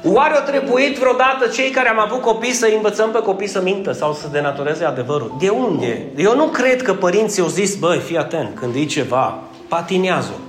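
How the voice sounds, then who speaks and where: Male preacher with a lilt, high voice, quizzes and teases his congregation, in a roomy church with soft music. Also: animated, few pauses. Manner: joking, asks the congregation questions. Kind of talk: conversational sermon with congregation call-and-response.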